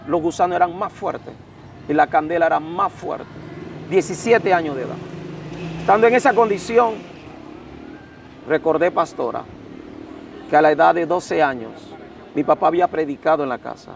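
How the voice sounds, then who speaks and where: A man's voice: fairly high pitch, vocal fry, a little hiss or hum. A man, a pastor, telling a dramatic personal testimony to an interviewer, his voice swelling and dropping with emotion. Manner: intense, dramatic storytelling that swells and drops.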